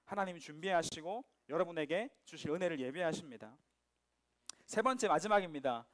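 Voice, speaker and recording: A male pastor preaching to teenagers in a lively way, joking and asking his listeners questions. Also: on the high side, brisk. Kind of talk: sermon to teenagers.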